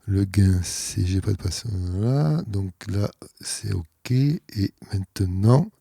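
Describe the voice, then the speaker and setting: A man's voice: fairly low pitch, animated, slow, gravelly, mellow, husky, no room sound, clean studio sound. A man hosting an audio mixing tutorial, explaining step by step with frequent fillers. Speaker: studio tutorial host. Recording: music playing behind voice. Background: background music.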